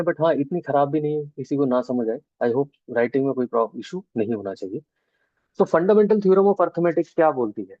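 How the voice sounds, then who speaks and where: Recorded lo-fi and without echo, a man with a medium-pitched voice teaches maths in an online class. He has an Indian accent, switches between Hindi and English, and explains step by step while lingering slowly on key terms and regularly checking in with the class.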